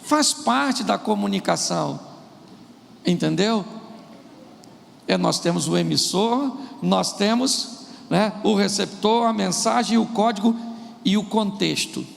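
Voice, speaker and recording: A man's voice: sits high, slow pace, vocal fry, long pauses. A man preaching a sermon, using humor and acting out married couples' quarrels. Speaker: pastor. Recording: large hall with long reverb.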